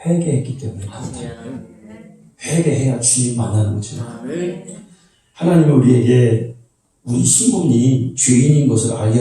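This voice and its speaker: Animated Korean pastor in an echoey hall. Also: male voice, mid-range voice, recorded from a distance. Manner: animated storytelling, acts out shouted quotes. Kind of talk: sermon. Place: church sanctuary.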